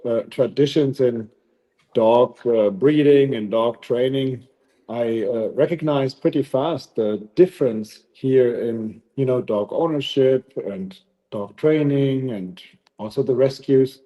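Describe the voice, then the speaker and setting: A German man with a German accent who runs a dog training facility speaks thoughtfully in a casual interview, pausing often. His voice is mellow and sits in the mid range.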